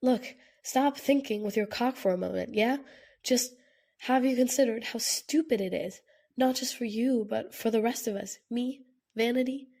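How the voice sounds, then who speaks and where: A woman voicing a blunt, sharp-tongued young man in an audiobook, harsh and challenging. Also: fairly high pitch, moderate pace, vocal fry. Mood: pleading, harsh.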